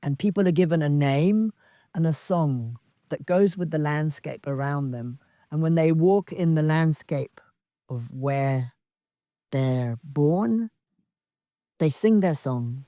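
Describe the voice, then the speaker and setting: Slow, reflective meditation teacher woman. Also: sits low, dark tone, no echo, clean studio sound. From Zambia. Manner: slow, halting, reflective with many pauses. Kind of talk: dharma talk on retreat. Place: outdoor retreat in wilderness.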